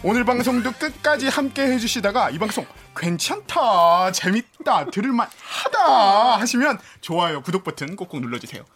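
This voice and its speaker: High-pitched, animated man hosting casually. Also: normal speed, few pauses, husky, faint music behind. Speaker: reporter and stand-in host. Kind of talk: casual studio chat.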